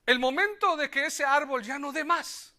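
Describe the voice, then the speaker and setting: A man with a Mexican Spanish accent preaching a sermon, swinging between loud exclamations and quiet asides and calling on the congregation to repeat after him. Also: very high-pitched, normal speed. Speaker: pastor.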